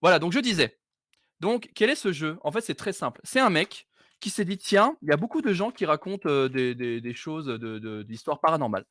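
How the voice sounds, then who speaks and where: A man's voice: a little high, lively intonation, a little fast, a bit bright, no room sound, studio quality. A man hosting a live stream, joking and self-mocking in casual chat.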